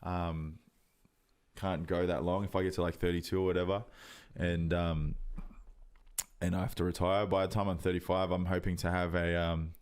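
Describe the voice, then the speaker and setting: A deep, slightly mellow voice with little pitch movement comes from a young Australian man in his twenties, speaking at normal speed with a clear, resonant tone. He's a rugby league player and podcast co-host chatting casually, rambling with plenty of fillers and swearing.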